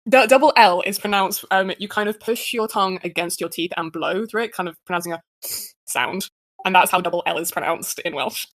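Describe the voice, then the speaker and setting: A young woman from Guildford, England, with a Southern English accent, is a player chatting casually and rambling with lots of fillers. Her voice is on the low side and a bit bright, her pace brisk, and there's no echo.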